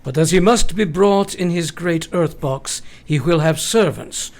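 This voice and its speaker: A man's voice: on the high side, measured pace, darkish tone. A man in a radio play acting a grave, courteous older professor who leads vampire hunters, speaking formally in old-fashioned phrases. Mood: solemn warning.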